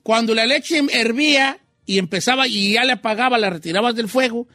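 A man's voice: very high-pitched, a little fast, dry recording, studio quality. A man hosting a radio show, joking and teasing his co-hosts in casual banter. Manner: joking and teasing, loud outbursts.

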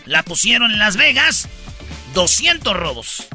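Lively Mexican man telling jokes. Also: sits high, a little slow, faint music behind. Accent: Mexican Spanish. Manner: animated, playful, acts out characters in jokes. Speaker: podcast host and joke teller. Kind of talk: comedy podcast, telling jokes.

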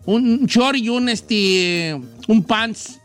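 A man's voice: high voice, extremely slow, over music. A man with a Mexican accent hosting morning radio, teasing and joking in slangy banter. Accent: Mexican Spanish. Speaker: radio show host.

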